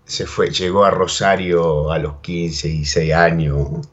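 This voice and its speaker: Speaking slowly with fairly even intonation, a husky, deep-voiced Argentine man rambles through stories as an interview guest in casual chat. He's bilingual in Spanish and English, repeats words, and keeps dropping "¿viste?", all on dull lo-fi audio.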